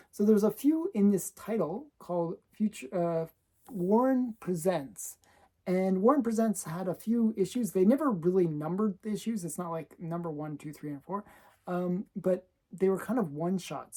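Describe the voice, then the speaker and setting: A woman's voice: fairly low pitch, moderate pace, warm tone. A woman comic collector chatting casually as she shows her collection, laughing often between remarks. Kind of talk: casual show-and-tell chat.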